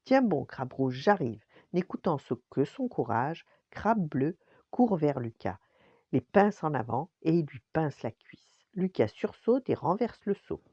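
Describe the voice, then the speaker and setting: An older woman reading a bedtime story in a lively, expressive way. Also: low-pitched, a little slow, no echo, lo-fi sound. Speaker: storyteller grandmother.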